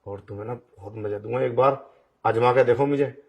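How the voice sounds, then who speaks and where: A pushy blind young man in a Hindi audio drama, played by a man, wheedling and coaxing without letting up. His voice sits at an ordinary middle pitch. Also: fairly quick, lightly acted. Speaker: voice actor.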